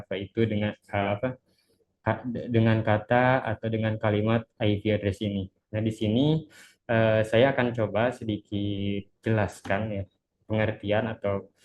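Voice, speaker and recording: The masked twenty-year-old from Cianjur, West Java, Indonesia, speaks in a lowish, slightly mellow voice while hesitantly and politely introducing an online lesson. He sounds a little unwell. There's a little hiss or hum in the dull, muffled lo-fi webinar audio.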